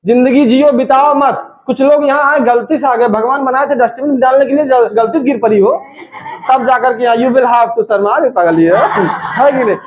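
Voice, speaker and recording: High-voiced, shouting Indian English teacher. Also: male voice, moderate pace, muffled recording. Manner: shouts drills, jokes with students. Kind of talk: classroom lesson with drills. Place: classroom with students.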